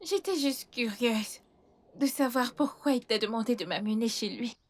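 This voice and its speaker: Woman doing grieving young girl, pleading, tearful, very high pitch, film dub. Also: normal speed, lightly acted. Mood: timid.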